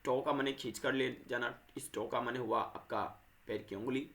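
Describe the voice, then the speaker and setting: Male tutor, mid pitch, chatty and repetitive lesson delivery, self-correcting. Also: fairly even intonation, normal speed, vocal fry, a bit bright. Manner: repetitive, addresses viewers as friends; corrects himself mid-sentence. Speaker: teacher. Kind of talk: explaining grammar to viewers.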